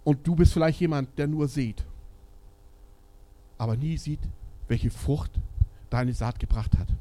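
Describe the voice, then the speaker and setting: A middle-aged man from Schleswig-Holstein preaching a sermon in a church service, blunt and direct, swinging between loud emphasis and quiet asides. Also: a little high, measured pace. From Schleswig-Holstein, Germany.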